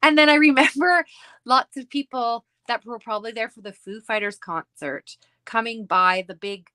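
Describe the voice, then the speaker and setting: Giggly and rambling, a craft stream host with a Canadian accent chats casually as she crafts. Her slightly high voice is pushed and bright and moves at a moderate pace, and the recording is dry.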